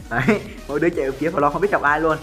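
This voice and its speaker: Excitable gamer guy. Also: on the high side, quick pace. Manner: chatty, jumps to excited yelling in fights; self-mocking, cursing banter. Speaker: gameplay streamer. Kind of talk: live gameplay commentary. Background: faint background music.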